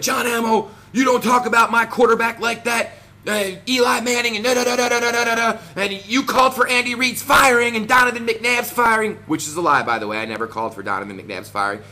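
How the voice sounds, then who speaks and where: A man's voice: mid-range voice, sharp tone. A man in his thirties with a New Jersey accent, ranting combatively to camera with lots of fillers. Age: 30s. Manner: combative, boastful, many fillers. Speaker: vlogger.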